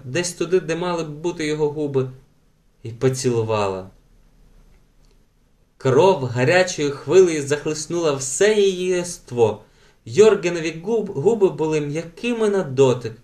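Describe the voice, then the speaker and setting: A man reading a children's audiobook aloud with gentle, animated storytelling. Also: on the high side. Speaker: audiobook narrator.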